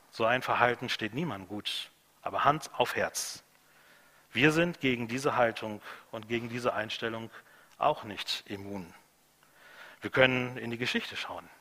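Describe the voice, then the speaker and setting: A man preaching a sermon, emphatic, repeating key phrases and swinging between loud and hushed delivery. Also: medium pitch, big-room sound.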